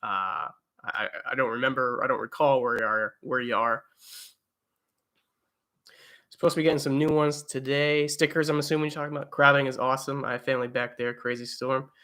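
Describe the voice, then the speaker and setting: Young male streamer, bright voice, loose rambling delivery full of "uh"s. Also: medium pitch, fairly even intonation, brisk. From eastern United States. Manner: rambling, lots of fillers and restarts. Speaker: livestream host. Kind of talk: casual live chat reading viewer comments. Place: home, indoors.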